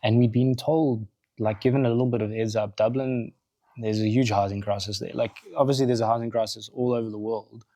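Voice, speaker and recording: A South African man, a podcast guest and coffee roaster founder, telling his story in casual, animated chat in a studio. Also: lowish voice, fairly quick, no room sound. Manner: animated, acts out quotes in other voices.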